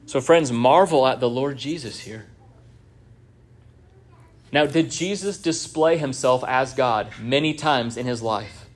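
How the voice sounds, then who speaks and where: A male pastor preaches in a church in a conversational way, dropping many rhetorical asides to the congregation. His voice is mid-range and unhurried.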